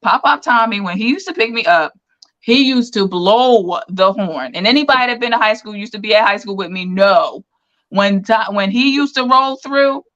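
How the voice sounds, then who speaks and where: A woman's voice: on the high side, a little fast, muffled recording. A woman co-hosting a podcast, chatting casually and telling stories with lots of fillers. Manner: animated storytelling with lots of fillers. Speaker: podcast co-host. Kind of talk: casual livestream chat.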